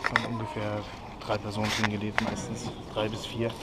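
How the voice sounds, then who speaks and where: A young man vlogs his travels with an action camera held at arm's length, moving from an indoor museum to city streets at night. He's enthusiastic and full of fillers, yet his low-ish voice is monotone and brisk, with heavy background noise.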